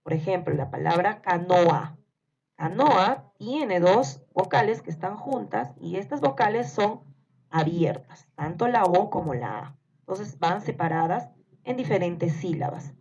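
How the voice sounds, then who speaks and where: A woman teaching a grammar lesson, speaking slowly and deliberately and spelling out syllables one by one. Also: on the low side, animated, a little mellow. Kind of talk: scripted grammar lesson narration. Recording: dull lo-fi recording.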